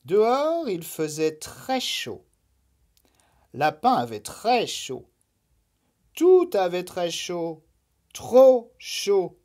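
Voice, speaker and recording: A woman reading a children's bedtime story aloud, gentle and expressive. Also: on the low side, drawn-out words, pauses often.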